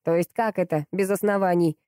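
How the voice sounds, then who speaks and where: A woman's voice: on the low side, fairly even intonation, a little fast, mellow, dry recording, clean studio sound, natural voice. A woman doing an officious police captain. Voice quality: challenging, officious.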